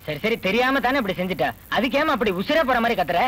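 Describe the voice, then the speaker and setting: An actor playing a village elder who mildly reproaches the family in a film drama. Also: male voice, very high-pitched, lively intonation, fast talker, a bit bright, a little hiss or hum. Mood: reproachful.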